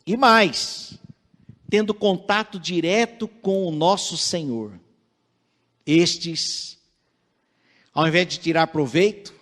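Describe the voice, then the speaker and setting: A man with a Brazilian Portuguese accent preaching a sermon in a measured, earnest way, reading scripture aloud. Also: on the high side. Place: church sanctuary. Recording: church livestream with long hall reverb.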